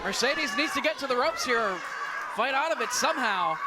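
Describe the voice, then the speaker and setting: A man calling live wrestling play-by-play, excited and clipped, often raising his voice to a shout. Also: very high-pitched, normal speed. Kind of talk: live sports commentary. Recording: loud crowd and noise behind. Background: wrestling crowd.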